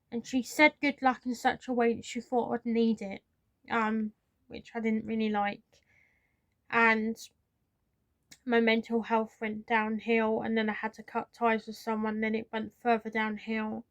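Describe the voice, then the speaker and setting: A young British woman recounts a personal story for her vlog, earnest and candid, with frustration showing through. Her voice sits somewhat high. It is recorded dry and close, with no echo around it. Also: completely flat delivery, measured pace, lo-fi sound. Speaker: vlogger.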